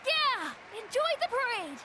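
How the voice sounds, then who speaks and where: A woman's voice: extremely high pitch, very animated, a little slow, a loud crowd, very noisy, exaggerated voice. A woman playing an eager young event photographer in a video game, bubbly and encouraging. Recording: game music behind.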